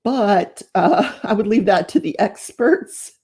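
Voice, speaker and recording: A woman's voice: medium pitch, lively intonation, takes it slowly, mellow. A woman hosting a casual morning live stream, chatting and laughing as she greets viewers by name. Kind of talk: casual live chat reading comments.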